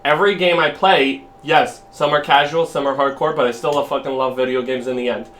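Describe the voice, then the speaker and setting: A man's voice: medium pitch, steady tone, a little fast, fairly bright tone, slight background noise. A man streaming, arguing casually and emphatically with a friend and swearing freely.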